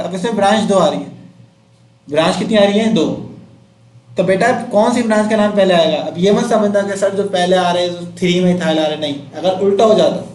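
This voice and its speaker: Male chemistry teacher, higher voice, keeps quizzing the class, echoey classroom. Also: darkish tone. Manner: quizzing students, counting out numbers.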